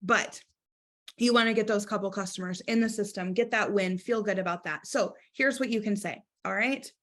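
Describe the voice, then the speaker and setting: A woman's voice: mid-range voice, moderate pace, a bit bright. A young woman giving a sales training talk, upbeat and chatty, acting out sample scripts as she goes.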